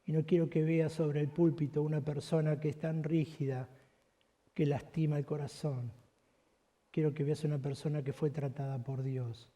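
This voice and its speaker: Pastor, man, story-led sermon, dark mellow voice. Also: on the high side, little pitch movement, normal speed.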